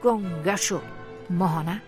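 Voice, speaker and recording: A woman voicing a feverish, furious elderly father who shouts and accuses. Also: on the low side, soft background music, close to an everyday voice. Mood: angry.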